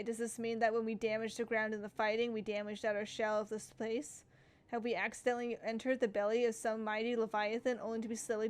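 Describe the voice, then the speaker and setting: Her pitch runs fairly high. She's a gaming streamer voicing on-screen text mid-playthrough, stumbling loosely through lines and cutting off to add her own remarks.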